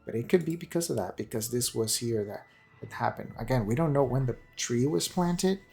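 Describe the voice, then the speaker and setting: Animated and brisk, this gaming channel host has a medium-pitched, gravelly voice with a darkish tone. His casual, unscripted game commentary is rambling and hesitant, full of repetitions and self-corrections, and background music plays behind him.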